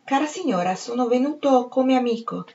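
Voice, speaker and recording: A woman voicing a pushy, smooth-talking male doctor, polite but insistent, in a storybook reading. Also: high voice, lively intonation, normal speed, mellow, lo-fi sound, pitched above the performer's own voice. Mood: unctuous.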